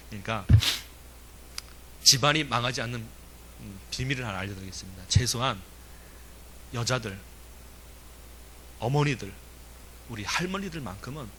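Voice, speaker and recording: Man preaching, bright forceful voice, emphatic, rhetorical questions, faint hiss. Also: medium pitch. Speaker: pastor. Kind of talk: sermon.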